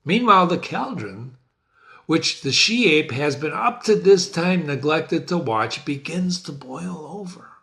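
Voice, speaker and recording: A man reads a stage play aloud at an unhurried pace, now and then adding casual asides to the listener. His intonation is animated and his tone bright and forceful. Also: a little high, vocal fry. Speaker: reader. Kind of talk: dramatic reading of a play.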